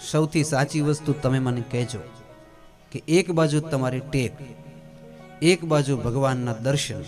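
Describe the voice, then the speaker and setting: A man voicing a devoted poor wife who softly pleads with her husband. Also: a little high. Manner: soft, pleading.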